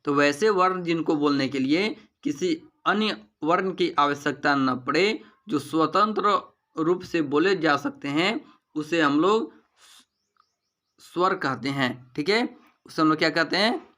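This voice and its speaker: A man's voice: on the high side, unhurried, sharp tone. A man teaching an exam-prep grammar lesson, repeating each point back to students as a question.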